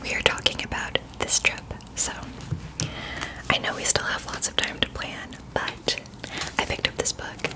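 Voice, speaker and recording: A woman in a whispered role-play, chatting as if to a close friend, keeping hushed and quiet at night so nobody wakes. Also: unhurried, poor audio. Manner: quiet at night, hushed so as not to wake others. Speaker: ASMR performer.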